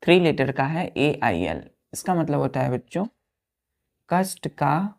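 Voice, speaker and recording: A woman teaching a vocabulary lesson, repeating words slowly and checking that the children follow, with an Indian English accent on the English words. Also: sits low, very animated, creaky, a little mellow. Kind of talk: vocabulary lesson, explaining word by word.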